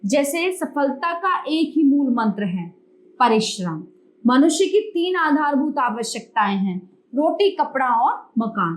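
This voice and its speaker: A woman's voice: high-pitched, low-quality recording. A woman teacher giving a grammar lesson to children, explaining with examples. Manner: addresses children warmly, explains slowly with examples.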